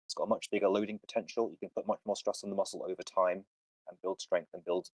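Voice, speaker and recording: A man's voice: low-pitched, flat delivery, quick pace, no echo, rough recording. A man hosting a casual fitness podcast, confidently explaining training ideas to a caller over a voice call. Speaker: podcast host answering fitness questions.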